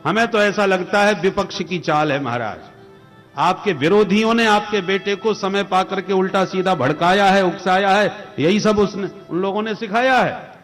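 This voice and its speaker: A man's voice: medium pitch, takes it slowly, pauses often, a little mellow, natural voice. A man voicing a frightened old teacher who pleads with a king and scolds his pupil. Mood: pleading. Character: nervous old male teacher, fearful. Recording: echoey hall with music.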